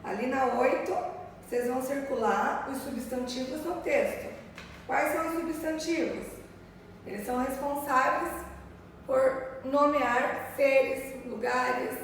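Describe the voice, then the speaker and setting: A high-voiced woman teaching a recorded lesson at an unhurried pace, patiently repeating words and checking that her pupils follow. She stands away from the microphone in a very echoey room with a long, ringing reverb. A faint noise hums underneath. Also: far from the mic. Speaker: primary school teacher. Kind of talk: recorded remote grammar lesson.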